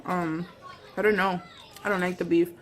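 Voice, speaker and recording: A woman's voice: on the low side, level tone, normal speed, slight background noise. Woman chatting casually over a meal. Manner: talking while eating. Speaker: vlogger and mother. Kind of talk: casual chat to viewers.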